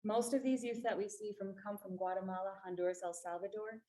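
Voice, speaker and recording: A woman's voice: mid-range voice, fairly even intonation, fairly quick, dark tone. A woman from a refugee services agency giving a public talk to a library audience, explaining earnestly and stressing key points. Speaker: refugee services staff presenter. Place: library meeting room. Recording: echoey room.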